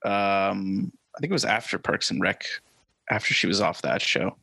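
Lower-voiced man, hesitant podcast chatter. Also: moderate pace, creaky, pushed and bright, no echo. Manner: hesitant, full of fillers and likes. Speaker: podcast guest. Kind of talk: casual chat.

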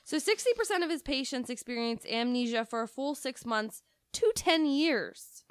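High, smooth-voiced chatty woman. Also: lively intonation, moderate pace, no room sound. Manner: laughs often, stumbles over words. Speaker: podcast co-host. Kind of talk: casual chat.

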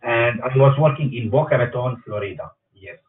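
A man's voice: medium pitch, normal speed, husky. Man heard over a speakerphone. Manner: hesitant, keeps calling for attention. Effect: on speakerphone, sounds far away. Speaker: caller in a group call. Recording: tinny phone line.

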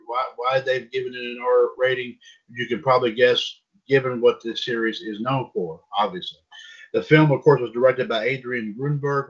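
This podcast host sounds a little bright, his voice sitting in the mid-range. He runs a casual show on pop culture news, stumbling over names as he reads out headlines, all captured in dull lo-fi audio.

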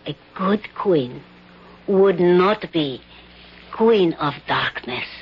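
Earnest devout peasant, slow halting speech, husky low voice, old muffled drama recording. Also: female voice, lively intonation, heavily acted. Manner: simple, halting, pleading foreign-style English. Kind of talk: dated television drama acting.

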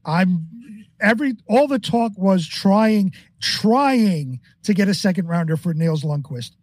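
A man's voice: sits high, lively intonation, a little slow, a little mellow, dry recording. A man co-hosting a casual sports podcast, talking eagerly with many fillers. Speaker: co-host.

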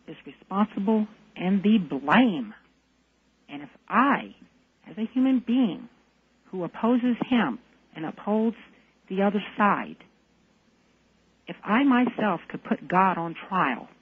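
A woman calling into a radio talk show, speaking in an intense, deliberate and defiant way. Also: medium pitch, slightly rough. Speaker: caller. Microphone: phone. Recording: tinny phone line.

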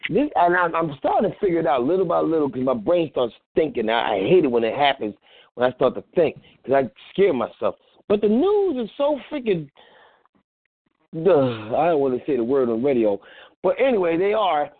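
Radio host, man, high and lively voice, dry and phone-thin, rambling talker. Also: moderate pace, no echo. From Philadelphia. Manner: rambling, animated, acts out quotes. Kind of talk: casual radio talk. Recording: tinny phone-like line.

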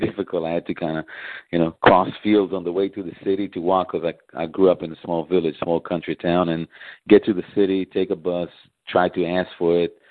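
A man from Israel, a guest musician, answering interview questions casually in a soft, halting way with many fillers. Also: low voice. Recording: dry, tinny phone-like line.

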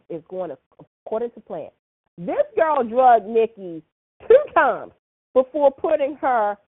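A woman hosting a podcast, chatting casually through a soap opera recap, full of "like" and "you know". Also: on the high side. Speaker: podcast host. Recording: tinny phone-like sound.

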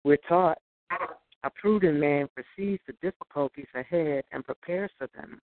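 A woman calling in over a clipped phone line, reciting scripture in a measured, preacherly way. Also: low voice, dry recording. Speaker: caller. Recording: tinny phone line, faint noise.

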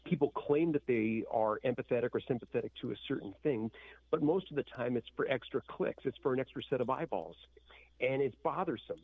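As a band guest in a casual interview, a man tells a story candidly, acting out what people said. His mid-range voice is expressive and fairly quick, and the audio is dry and slightly dull.

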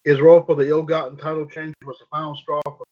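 A man's voice: fairly high pitch, flat delivery, fast. A man hosting an internet radio show, talking in a folksy, repetitive way with plenty of fillers. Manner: folksy, repeats himself, lots of fillers. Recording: dull lo-fi internet radio audio.

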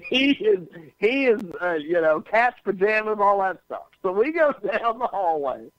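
A high-pitched man with a very lively voice tells a long story on a radio show, jumping into the voices of the people he quotes. The sound is dry and a bit dull, like broadcast audio. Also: unhurried, no room sound. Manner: animated storyteller acting out quotes. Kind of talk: casual storytelling chat.

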